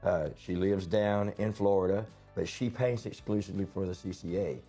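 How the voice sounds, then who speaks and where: A man's voice: low voice, steady tone, normal speed, dark tone, faint music behind. A man, a store owner telling rambling, folksy anecdotes in a casual interview.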